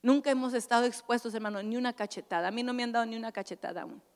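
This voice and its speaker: Woman preacher, sermon, high voice, dramatic swings from loud to hushed, long church-hall reverb. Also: rapid-fire.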